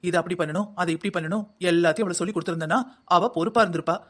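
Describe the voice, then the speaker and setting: A nagging older husband in a cartoon, as voiced by a performer, talking in a quick, middling-pitched voice with a South Tamil Nadu accent. He scolds and grumbles about the household without pause. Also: close to an everyday voice. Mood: grumbling. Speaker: voice actor in a family cartoon. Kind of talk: cartoon family comedy acting.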